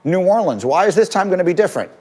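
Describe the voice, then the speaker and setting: A man's voice: sits high, big pitch swings, quick pace, darkish tone. A man hosting a sports talk show, moderating in an articulate, orderly way with full sentences. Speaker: host.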